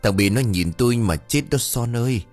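A grieving old father, worn down by poverty and guilt, as a man reads him in a storybook. His deep, husky voice swings widely in pitch as he pleads in choked, remorseful words. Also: expressive, a little fast, a little mellow, faint music behind. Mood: anguished.

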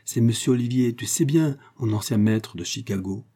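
A man voicing an excitable young working man in an audiobook. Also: medium pitch, moderate pace, slightly rough, lightly acted. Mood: exuberant. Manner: exuberant, excitable.

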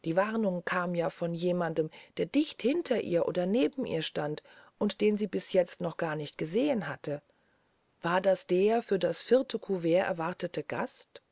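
A woman's voice: lowish voice, lively intonation, a little slow, creaky, darkish tone, no room sound. A woman reading a classic story aloud as audiobook narration. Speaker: audiobook reader.

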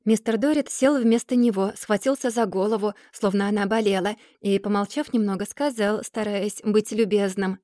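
A woman reading a classic novel aloud in a measured, expressive way. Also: mid-range voice, dry recording, clean studio sound. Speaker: audiobook reader.

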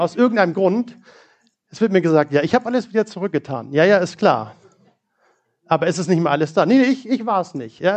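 A middle-aged man preaching a sermon, telling personal stories in a lively, personal way. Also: a little high.

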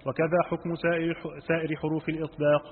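A man reading a classical recitation text aloud to his teacher, slowly chanting the example words. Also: on the high side, monotone, a little hiss or hum. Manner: slow measured reading, drawn-out chanted words. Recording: tinny phone-like line, long reverb.

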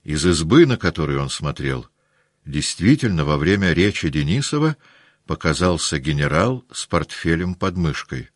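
A man narrating a classic novel as an audiobook, with a measured, steady reading. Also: a bass voice, no room sound, clean studio sound. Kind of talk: scripted narration.

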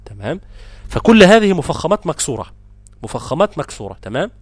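A man with an Egyptian accent teaching a tajweed lesson. He explains each rule briskly and then stretches out the example words slowly. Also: fairly high pitch, very animated, no echo. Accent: Egyptian Arabic. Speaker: Quran recitation teacher.

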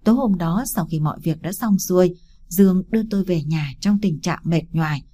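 A woman narrating a first-person story as an audiobook, in a steady, emotional storytelling manner. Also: on the low side, fairly quick, husky.

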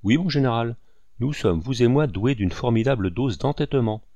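A man reading aloud voices a calm, resolute male hunter who speaks coolly and firmly. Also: medium pitch, no echo, natural voice. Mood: cold. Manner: cool, firm and measured.

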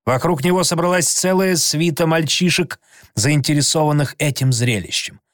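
A man reading a story aloud with expressive, lively narration. His voice sits a little high for a man, and the recording is dry and close. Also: moderate pace, no echo. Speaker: audiobook narrator. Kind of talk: scripted narration.

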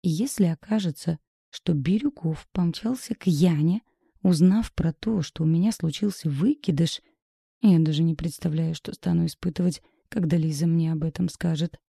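A woman reads a first-person story in a measured, intimate, inward voice. It is low, very dark and gravelly, with a husky grain. The recording is dry and close. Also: no echo. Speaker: audiobook narrator. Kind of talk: first-person audiobook narration.

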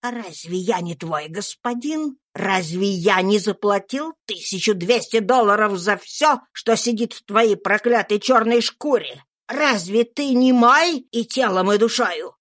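A woman voicing a brutal, mocking middle-aged slave owner who shouts and sneers in slow, heavy threats. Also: medium pitch, expressive. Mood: raging, sneering.

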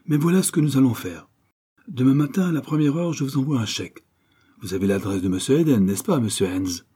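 A man's voice: mid-range voice, lively intonation, brisk, warm tone, slightly rough, voice pushed up. A man reading an audiobook, voicing a suave, offhand male magazine publisher.

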